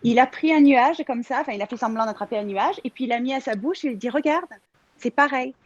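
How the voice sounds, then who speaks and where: A woman in her thirties with a Marseille accent talks casually in a fairly high voice. She hesitates often, restarting her sentences. The audio is dull and lo-fi. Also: quick pace, a little mellow, dry recording. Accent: Marseille French. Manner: hesitant, many restarts and fillers. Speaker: guest contributor. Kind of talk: casual chat.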